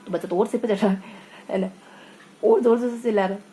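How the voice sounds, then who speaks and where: A woman's voice: medium pitch, steady tone, fast, dark tone, faint music behind, low-quality recording. A woman teacher giving an online exam-prep lesson, telling motivational stories in a chatty way and often adding tag questions. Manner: conversational, frequent tag questions; motivational storytelling.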